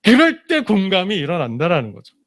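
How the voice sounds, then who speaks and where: A man preaching a Sunday sermon as pastor, in a conversational style full of rhetorical questions, his voice dropping low and soft at emotional points. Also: wildly swooping pitch, brisk. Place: church sanctuary.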